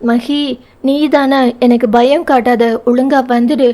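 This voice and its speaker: A woman reading the part of an emotional young wife in an audio novel, quick to anger and to tears. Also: high voice, fairly even intonation, mellow. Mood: frightened. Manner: pleading, sobbing tone. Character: young wife, quick-tempered, tearful and loving.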